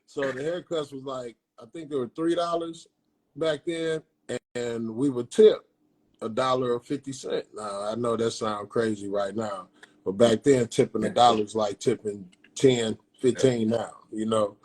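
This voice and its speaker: A husky-voiced man in his 50s from Peoria, Illinois, speaks at a measured pace with a medium pitch. He's a barber telling his own story during an interview, retelling it in an animated, slangy way and acting out the dialogue.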